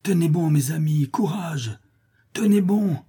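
Man voicing a shouting hacienda master. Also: a little high, a little slow, husky, pitched above the performer's own voice, heavily acted. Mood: commanding. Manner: shouted commands. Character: commanding male hacienda master in battle.

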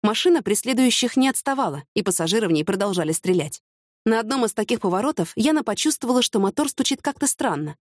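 A woman narrating a novel in an even, expressive reading voice. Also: a little high, quick pace, no room sound, studio quality. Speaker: audiobook narrator. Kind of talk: scripted narration.

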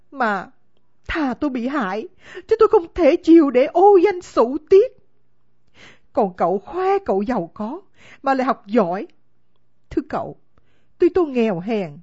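A woman doing a proud young servant girl. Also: high voice. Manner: firm, indignant. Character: poor young female servant, proud and virtuous. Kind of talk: audiobook character acting. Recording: dull lo-fi recording.

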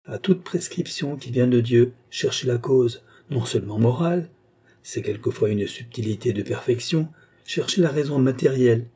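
A man voicing a grave older doctor in an audiobook, explaining in a measured, lecturing way. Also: mid-range voice, mellow, breathy edge, lightly acted. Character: grave older male doctor, a reasoning philosopher.

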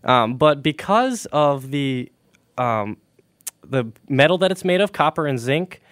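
A man's voice: a little high, lively intonation, a little slow, fairly bright tone, no room sound. A young man hosting a college radio show, talking casually and rambling with fillers and restarts. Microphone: studio microphone.

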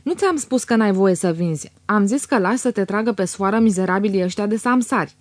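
Brief: a woman reading as a domineering shrew of a sister, bossy and sharp-tongued, dry storybook voice. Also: mid-range voice, lively intonation, no room sound, natural voice. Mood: placating. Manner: bossy, scolding.

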